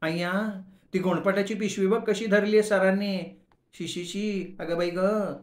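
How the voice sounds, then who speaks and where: A man's voice: high-pitched, unhurried, echoey room, pitched above the performer's own voice. A man voicing a young college girl who mocks her teacher with squeals of disgust. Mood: mocking.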